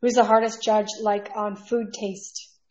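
A woman's voice: medium pitch, level tone, measured pace, dark tone, highs cut off. A woman off camera reading viewer questions aloud during a casual live cooking stream, in short, plain questions.

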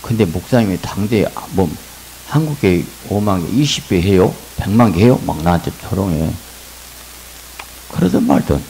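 A male pastor preaching a sermon at a revival meeting, animated, with loud laughing exclamations. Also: low-pitched, moderate pace, breathy edge, rough recording. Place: church revival meeting hall.

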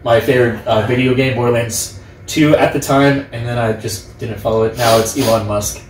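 A young man hosts a casual group chat from a couch in a living room, speaking haltingly at medium pitch with fairly even intonation. A distant camera microphone picks him up, giving a roomy sound with background noise.

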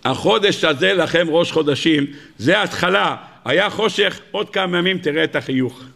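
A man preaching a sermon as a rabbi, animated and emphatic, acting out voices in his stories. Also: gravelly. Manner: animated preaching, rising to high emphatic peaks and acting out dialogue.

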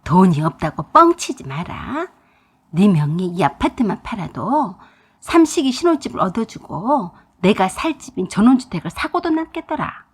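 A woman voicing a scheming, demanding older mother-in-law in a told story, speaking in a hushed, coaxing and scolding way. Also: mid-range voice, big pitch swings, normal speed, breathy edge.

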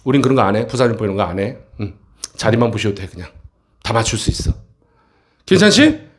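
With a lowish but very animated voice, a male teacher guides a middle school class through an English textbook passage, checking in often through rapid questions.

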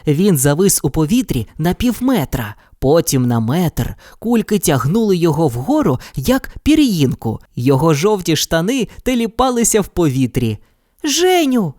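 A woman narrating a children's audio story in an expressive storytelling manner. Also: deep voice, normal speed, few pauses, no echo, clean studio sound.

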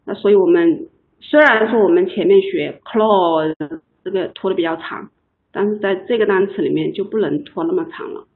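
A woman's voice: mid-range voice, a little fast. A woman teaching an online English lesson, patiently explaining and repeating words for her students. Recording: tinny online call audio.

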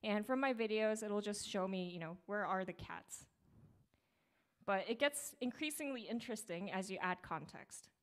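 A woman's voice: medium pitch, animated, moderate pace. Upbeat young woman giving a tech talk. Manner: casual, upbeat, many fillers. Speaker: startup presenter. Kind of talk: conference talk with live demo. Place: small theater stage.

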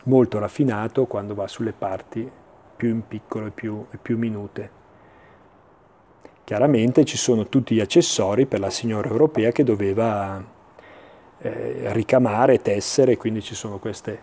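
Male infomercial presenter, dark relaxed voice, measured and explanatory, unscripted sales delivery. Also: fairly low pitch. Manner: explanatory, measured, with searching pauses and repetitions. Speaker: antiques dealer presenting items on a TV sales show. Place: indoor furniture showroom.

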